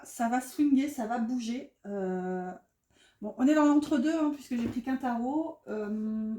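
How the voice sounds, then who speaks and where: A woman's voice: fairly high pitch, dark tone, roomy sound, a little hiss or hum. A woman giving a casual tarot reading, chatty and full of fillers, often correcting herself. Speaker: tarot card reader.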